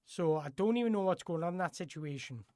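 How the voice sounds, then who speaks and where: Answering viewer questions during a football live stream, the host talks quickly and expressively in a mellow, middle-pitched voice. His chat is loose and rambling, often doubling back to rephrase. The sound is dry and close, without echo.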